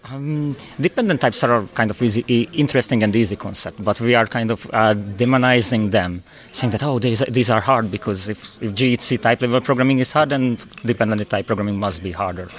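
A man's voice: medium pitch, brisk, few pauses. A man from Hungary, a Hungarian native speaker, answering interview questions carefully and plainly with a few grammar slips. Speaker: conference speaker, guest.

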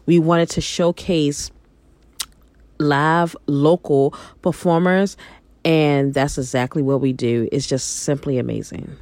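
Woman from baltimore, low voice, dry close mic, upbeat and emphatic. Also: fairly even intonation, slow, darkish tone, no room sound. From Baltimore, Maryland, USA. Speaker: guest, shoe stylist and business founder. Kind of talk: podcast interview.

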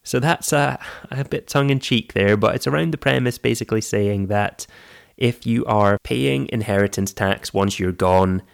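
Croaky, low-pitched man hosting a podcast. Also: normal speed. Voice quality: croaky, froggy voice. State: hoarse from flu. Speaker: podcast host. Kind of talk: scripted personal finance podcast narration.

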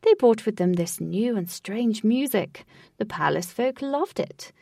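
A woman reading a storybook, voicing a smug, theatrical male host who speaks slowly and grandly. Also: mid-range voice, expressive, vocal fry, mellow, no room sound, clean studio sound, far from the mic. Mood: grandiose. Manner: slow, drawn-out, lofty phrasing.

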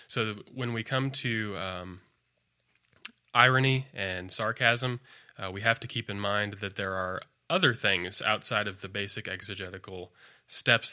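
A man explaining as a guest scholar in an interview, thoughtful and measured, with frequent fillers and restarts. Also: fairly low pitch, sharp tone.

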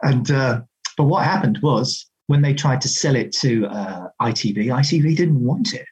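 A man's voice: mid-range voice, normal speed, darkish tone, breathy edge, poor audio. A middle-aged man, a radio presenter reminiscing conversationally in an interview. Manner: conversational anecdotes, quoting others' remarks.

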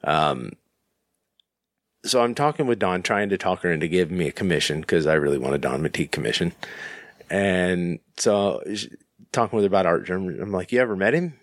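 Low-voiced man rambling through an anecdote. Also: no room sound, studio quality. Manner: halting, rambling, repeats words. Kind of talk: casual anecdote on a podcast.

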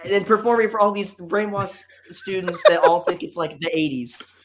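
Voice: medium pitch, normal speed, a little hiss or hum. A speaker in a casual chat, recounting movie scenes at length.

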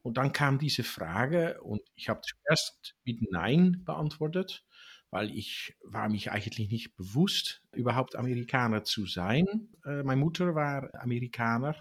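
Interview guest, man in his sixties, Dutch accent, halting and searching for words. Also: medium pitch, lively intonation, husky. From Netherlands. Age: 60s. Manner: halting, many fillers and restarts. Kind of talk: interview answers.

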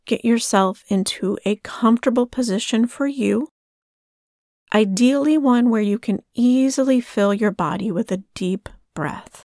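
A woman leading a guided breathing meditation in a soft, soothing way. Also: a little high, unhurried, no room sound, studio quality.

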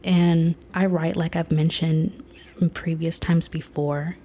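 A woman's voice: low voice, flat delivery, slow, mellow, a little hiss or hum. A woman, talking earnestly and from the heart, often dropping to a whisper. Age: 30s. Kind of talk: personal reflective talk.

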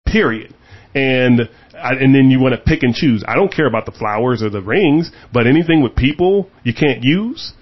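A man's voice: medium pitch, moderate pace, slightly rough, muffled recording. Heated, emphatic male host. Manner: animated, heated and emphatic, repeating his points. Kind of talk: casual chat.

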